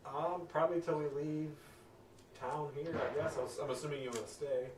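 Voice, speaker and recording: A man's voice: on the high side, steady tone, fairly quick. Male tabletop player, casual delivery, off the mic in a roomy space. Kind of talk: casual role-play table talk. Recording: echoey room, distant mic, clear noise.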